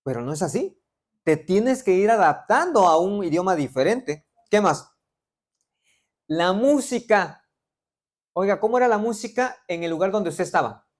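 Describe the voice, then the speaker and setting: A man's voice: high voice, expressive, normal speed. A middle-aged man from Veracruz with a Veracruz Mexican Spanish accent, preaching a sermon and quizzing the congregation with joking asides. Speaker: pastor.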